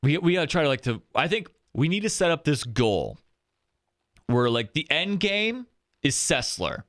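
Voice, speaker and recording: A young man hosting a casual gaming podcast, chatting and running through plugs and shout-outs. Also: a little high, big pitch swings, moderate pace, dry recording, clean studio sound. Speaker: podcast host.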